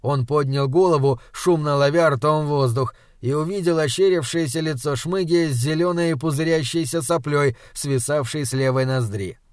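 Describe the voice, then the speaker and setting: A man's voice: fairly high pitch, normal speed, few pauses, darkish tone, no room sound, studio quality. A man reading an audiobook aloud in scripted narration, storytelling evenly and acting out the dialogue. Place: home recording setup.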